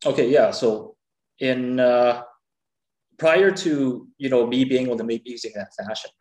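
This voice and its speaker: A middle-aged man with a medium-pitched voice speaks as a podcast guest. He talks naturally and without a script, candid and loosely feeling for his words. The sound is clearly echoey and roomy. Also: normal speed, a little mellow. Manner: candid, loose, hedging explanations. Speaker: podcast guest, game music maker. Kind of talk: casual unscripted chat.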